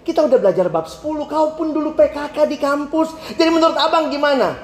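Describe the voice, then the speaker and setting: A male preacher with a high voice tells a story in a sermon and acts out both sides of a phone call with animated energy. He stretches single words for emphasis. He is heard in an echoey hall with a faint murmur of ambience behind him. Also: background noise. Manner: emphatic, drawn-out words for stress.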